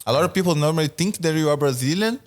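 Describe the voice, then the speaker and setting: A man hosting a podcast, asking casual interview questions in a quick, questioning way. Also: fairly high pitch, lively intonation. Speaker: podcast host.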